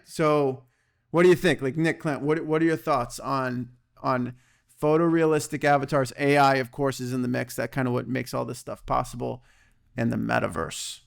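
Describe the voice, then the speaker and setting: A man hosting a podcast in a casual, energetic way, often checking in with "okay" and "right?". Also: medium pitch, gravelly. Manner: energetic, excitable, peppers talk with "okay" and "right?". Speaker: podcast host.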